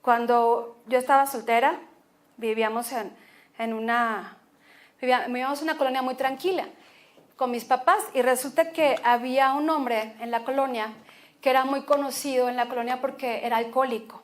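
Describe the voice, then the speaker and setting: High-voiced Mexican woman preaching. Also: moderate pace. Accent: Mexican Spanish. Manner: expressive preaching, repeats phrases for emphasis. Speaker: pastor. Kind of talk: sermon.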